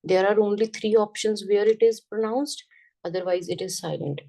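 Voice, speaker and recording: A woman teaching a French lesson, repeating each word slowly and often checking that the class understands. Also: mid-range voice, vocal fry, dark tone, recorded from a distance, rough recording. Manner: patient, checks understanding with "got it?".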